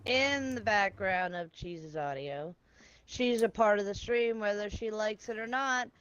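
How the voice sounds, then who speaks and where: A woman's voice: mid-range voice, unhurried, fairly bright tone, smooth, highs cut off. A woman hosting a casual gaming stream, playfully hyping each player with mock-grand introductions. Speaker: stream host. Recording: faint background noise.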